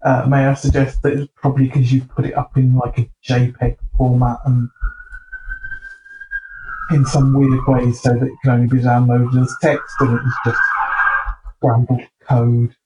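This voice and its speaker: A man co-hosting a casual comedy chat, excitable and quick to laugh and shout. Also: medium pitch, recorded from a distance, dull audio. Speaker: podcast co-host.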